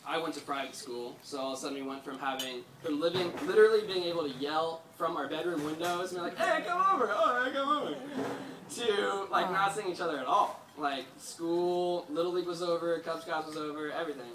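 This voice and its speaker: A man's voice: fairly high pitch, brisk, hardly any pauses, distant mic, noisy background. A young man in his twenties giving a best man toast at a wedding, telling rambling stories with lots of "like" fillers. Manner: rambling, storytelling with frequent "like" fillers. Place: large hall at a wedding reception. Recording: echoey hall, chattering crowd.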